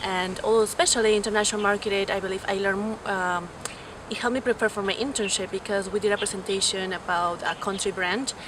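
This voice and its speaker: A woman's voice: mid-range voice, steady tone, fairly quick. A young woman from Peru answering interview questions about her studies and work, fluent but with frequent fillers and restarts. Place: outdoors on a university campus. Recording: clear background noise.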